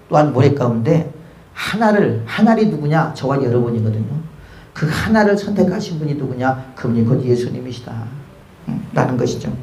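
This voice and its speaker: A middle-aged man preaching a sermon as pastor, telling stories and acting out the voices in his dialogues. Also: mid-range voice. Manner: lively storytelling, acts out dialogue with God and friends. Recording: echoey church room.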